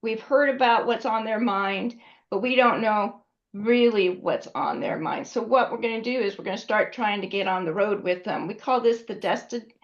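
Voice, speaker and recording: Speaking at normal speed in a mid-range voice, a female instructor lectures her class conversationally and often checks on her students. The recording is dull and lo-fi.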